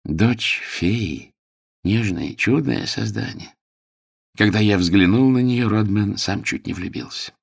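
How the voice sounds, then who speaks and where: A middle-aged country doctor gone soft and poetic in a storybook reading, played by a man in a low voice. He rambles on slowly and dreamily, in a deep, dry-sounding voice. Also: creaky, husky, dry recording, heavily acted. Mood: dreamy.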